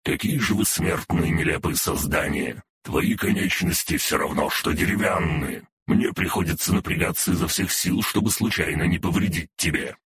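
A male audiobook narrator voicing a haughty, ancient otherworldly demon archduke in a hushed, breathy demonic voice, speaking down to a boy and calling him child. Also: extremely low pitch, animated, normal speed, few pauses, full character voice. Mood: disdainful. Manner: lofty and condescending, calls the boy "child".

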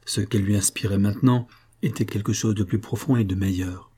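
A man narrating a novel in a measured, even reading. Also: fairly low pitch, husky. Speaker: audiobook narrator. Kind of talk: scripted narration.

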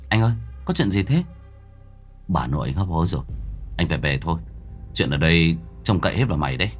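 A man's voice: low voice, sing-song, fast, faint music behind, voice pushed down. Man playing a worried young builder. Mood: anxious.

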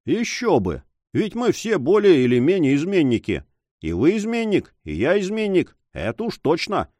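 A man's voice: fairly high pitch, sing-song, a little mellow, no echo, voice pushed up. A man doing a sly, taunting sailor. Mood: mocking. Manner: sly, taunting, slow and emphatic. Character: mocking, cool-headed sailor blackmailing an officer. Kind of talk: audiobook character voice.

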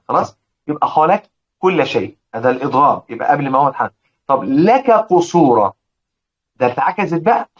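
An Egyptian-accented man teaches a recitation lesson in a fairly high voice, drawing out example words and repeating them. He keeps asking whether his listeners have followed. The recording sounds muffled and lo-fi. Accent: Egyptian Arabic. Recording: dull lo-fi recording.

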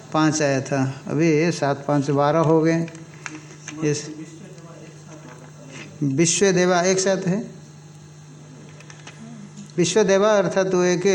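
A man giving a scriptural lecture, reciting Sanskrit verses and explaining them slowly and deliberately. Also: a little high, a little mellow. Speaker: teacher expounding an Upanishad.

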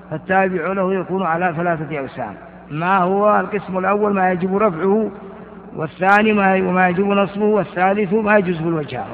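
Older man lecturing, tinny and echoey. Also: high-pitched. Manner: repeats examples, asks and answers his own questions. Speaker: Arabic grammar teacher. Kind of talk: classroom lecture on grammar.

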